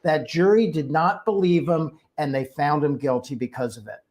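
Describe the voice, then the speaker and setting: A man's voice: a little high, moderate pace, darkish tone. Emphatic male legal commentator. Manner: emphatic, rhetorical, builds points by repetition. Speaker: litigator, legal panelist.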